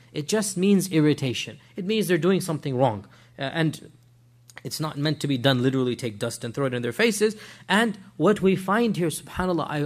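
A man delivers a weekly religious history lecture with animation, frequently posing rhetorical questions to his listeners and weaving in Arabic religious phrases. His voice is a little high.

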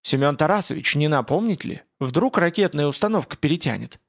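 A man voicing an indignant, frightened young woman scientist in an audiobook, with trembling, shrill outbursts. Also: animated, fairly quick, vocal fry.

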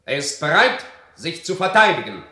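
A man's voice: a little high, big pitch swings, moderate pace, bright, forceful tone, full character voice. A man playing a formal herald reading out a proclamation in a classic radio play. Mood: formal, proclaiming. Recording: roomy echo on the voice.

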